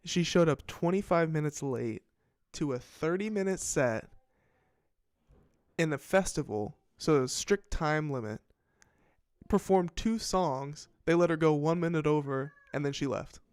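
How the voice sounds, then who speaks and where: A man hosts a casual commentary show with a slightly high, smooth, clear voice. He rambles, swears freely and trips over his own restarts while reacting to the headlines he reads. The sound is dry and close, with no room around it. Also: measured pace, darkish tone, dry recording. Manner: rambling, profane, self-interrupting. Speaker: podcast host.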